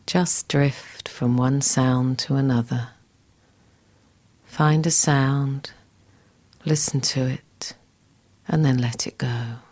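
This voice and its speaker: A woman guiding a scripted relaxation exercise in a soft, soothing, breathy, near-whispered voice. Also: very deep voice, fairly even intonation, slow, pauses often. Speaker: relaxation guide.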